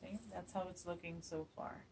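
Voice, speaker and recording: In her home kitchen, a craft channel host in her forties chats cheerfully through a casual DIY tutorial, with fillers sprinkled throughout. Her fairly low voice is creaky and a little mellow, with little pitch movement and normal speed. She's recorded from far away on a phone camera a few feet off.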